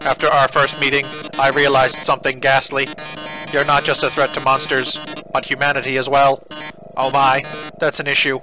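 A flamboyant male robot star of a video game speaks in a theatrical, grand showman voice, as a man puts it on. The pitch sits mid-range. Game music plays clearly underneath. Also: monotone, moderate pace, close to an everyday voice, rough recording.

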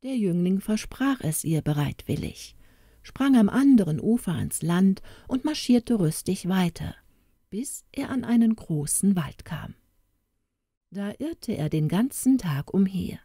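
Female fairy-tale narrator, calm expressive storytelling, slow and mellow. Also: mid-range voice, no room sound, studio quality. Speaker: audiobook narrator.

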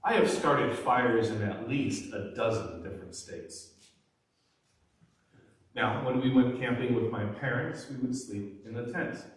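A man in his thirties, a pastor with a stuffy nose, giving a measured, deliberate sermon from a pulpit in a large church. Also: mid-range voice. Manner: measured, deliberate preaching with lists and emphasis. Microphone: far camera, pulpit. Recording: very echoey sanctuary, distant mic.

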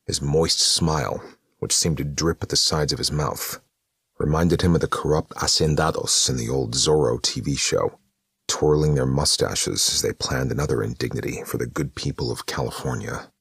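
A man narrating an audiobook in a measured storytelling manner. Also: very deep voice, creaky, fairly bright tone, husky, no echo, studio quality. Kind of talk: scripted narration.

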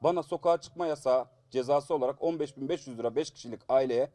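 A man's voice: mid-range voice, fast talker, warm tone, dry recording. Urgent, aggrieved man with a blocked nose. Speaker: assault victim giving a statement. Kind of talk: news interview statement.

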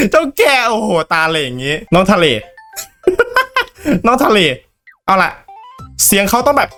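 A playful young man giving casual game commentary, laughing often and slipping into squeaky voices. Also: big pitch swings, brisk, bright, forceful tone, faint music behind. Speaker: gaming YouTuber.

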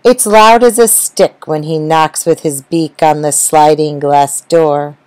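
A woman narrating a rhyming children's story, gentle and rhythmic. Her voice sits low and moves at an unhurried pace. The recording is dry and close. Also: steady tone, no room sound, poor audio. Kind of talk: children's story reading in rhyme.

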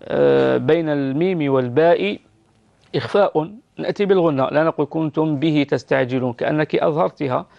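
A man's voice: a little high, a little fast, gravelly, darkish tone, dull audio. A man with an Algerian accent teaches Quran recitation, patiently explaining rules and modelling pronunciation for callers. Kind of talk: correcting recitation on a call-in show.

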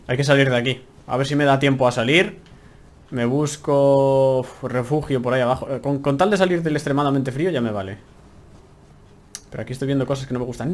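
A young man with a Spain Spanish accent giving chatty, exclaiming commentary as he plays a game from home. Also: medium pitch. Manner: chatty, exclaiming, talks to himself while playing. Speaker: gameplay streamer. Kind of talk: casual let's-play commentary.

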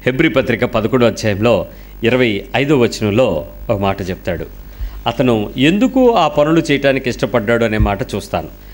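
A man's voice: mid-range voice, sing-song, moderate pace. A man preaching a sermon as pastor, firing rhetorical questions at the congregation and mixing in English words.

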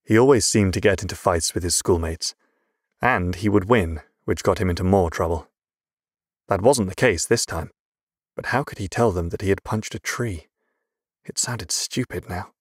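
A man reading a fantasy audiobook in a measured, even storytelling voice. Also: low voice, slightly rough, no echo, studio quality. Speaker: audiobook narrator. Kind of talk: scripted narration.

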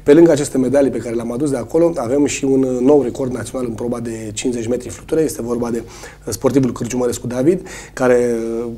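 Hoarse coach, husky and mellow, hesitant delivery with frequent fillers. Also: male voice, medium pitch, steady tone. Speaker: swimming coach. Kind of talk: studio interview answers.

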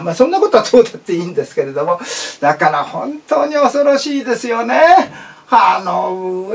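A man's voice: high-pitched, recorded from a distance. A man performing a comic monologue on stage without an audience, chatty and playful with many asides. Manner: chatty, playful, lots of asides and voiced impressions. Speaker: rakugo storyteller. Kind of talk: comic monologue, then storytelling narration.

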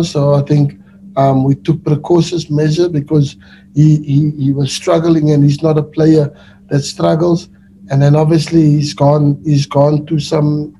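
A South African football coach in his forties answers reporters over a video call, with a fairly high but dark, mellow voice. He talks in a loose, rambling way, full of fillers and restarts, and a faint hiss sits under him. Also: rough recording. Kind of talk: post-match press conference answers. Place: indoors before a sponsor backdrop. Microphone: webcam on a video call.

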